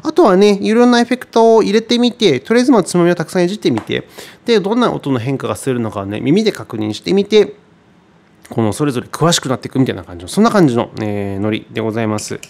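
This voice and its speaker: A man teaching guitar in a relaxed tutorial, chatty and thinking aloud with many fillers. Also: fairly high pitch, quick pace, creaky. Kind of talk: casual tutorial explanation.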